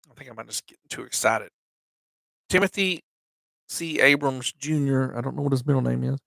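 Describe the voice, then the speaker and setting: A livestream host reads memorial entries on a casual stream, halting and slightly slurred, often restarting words and reading dates slowly. His medium-pitched voice is expressive and creaky with a fairly bright tone, and there's no echo.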